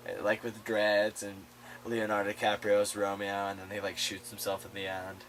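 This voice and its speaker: A young man co-hosting a casual book discussion, playful and excitable, acting out the quotes. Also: lowish voice, moderate pace, a loud crowd. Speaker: student co-host. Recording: distant mic, faint room noise.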